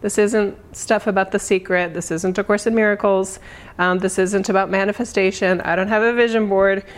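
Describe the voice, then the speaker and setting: A woman speaking as a spiritual guide in a conversational, reflective way, with halting, unscripted phrasing. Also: mid-range voice, steady tone. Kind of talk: informal spiritual talk.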